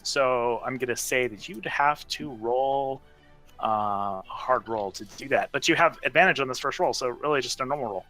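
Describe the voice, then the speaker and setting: Bright, excitable man running the game. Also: medium pitch, moderate pace, soft background music. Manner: excitable, laughing often. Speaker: dungeon master.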